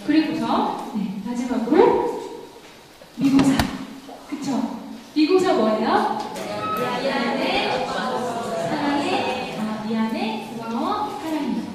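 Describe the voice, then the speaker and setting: A woman's voice: high-pitched, lively intonation, takes it slowly. A woman in her thirties giving a lecture in a university lecture room, telling personal stories and asking the audience questions. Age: 30s. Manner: chatty, warm storytelling, asks the audience questions. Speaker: communication lecturer. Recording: echoey lecture hall from far off, faint noise.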